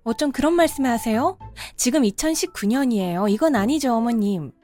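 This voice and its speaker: A woman's voice: fairly high pitch, lively intonation, brisk, dark tone, close to an everyday voice. A woman voicing a respectful yet insistent daughter-in-law and mother, in a cartoon drama. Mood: pleading. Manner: polite, respectful, growing insistent. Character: daughter-in-law, polite but firm mother. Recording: faint background music.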